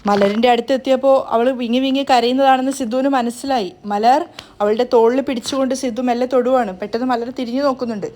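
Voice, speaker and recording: A woman narrates a serial's plot in a brisk, hurried retelling, her voice sitting a little high. She rushes through events at a very quick clip and now and then trips over a word and restarts. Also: fairly even intonation, a little mellow. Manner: brisk retelling with small stumbles. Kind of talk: rapid spoken story recap.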